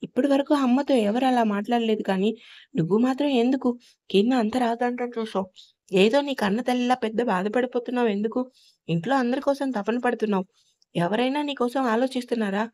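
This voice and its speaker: A woman's voice: a little high, brisk, a little mellow, close to an everyday voice. A woman voicing a hurt, defiant young wife in an audio story, speaking emotionally. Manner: pleading then defiant, emotional.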